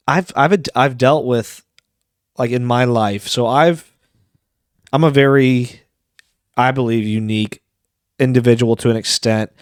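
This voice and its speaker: A man's voice: medium pitch, dry recording, studio quality. A man co-hosting a casual business podcast, talking in a rambling way with many restarts and fillers. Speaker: podcast co-host.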